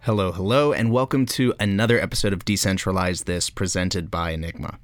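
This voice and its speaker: Low-voiced male podcast host, dry sound. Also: fairly quick, dry recording, soft background music. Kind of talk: scripted intro, then interview chat.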